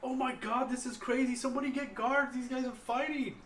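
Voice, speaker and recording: A man voicing his character as he feigns alarm to trick some guards, in a shrill, put-on panic. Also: steady tone, a little fast, a bit bright, echoey room, distant mic, slight background noise. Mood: fake panic.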